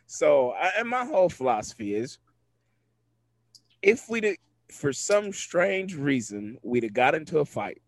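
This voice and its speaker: Animated man telling a funny story. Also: fairly high pitch, a little slow, vocal fry, no room sound. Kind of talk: casual storytelling chat.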